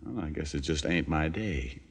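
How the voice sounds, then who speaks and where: A man's voice: very deep voice, moderate pace, slightly rough, heavily acted. An actor playing a wisecracking, hard-boiled male private detective in 1940s radio style, wry and sardonic. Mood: wry, defiant.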